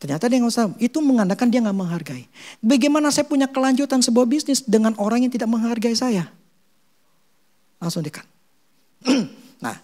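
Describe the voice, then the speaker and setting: A male pastor preaching, telling stories and acting out short quotes. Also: very high-pitched. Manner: animated storytelling with acted quotes; casual Jakarta slang (gue, lu). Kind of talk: sermon.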